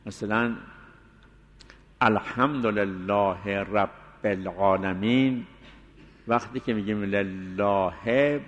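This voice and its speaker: A man teaching a seminary jurisprudence lesson, explaining step by step and slowly reciting Arabic phrases as examples. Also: fairly low pitch, fairly bright tone, dull audio. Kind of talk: jurisprudence lecture. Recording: long hall reverb.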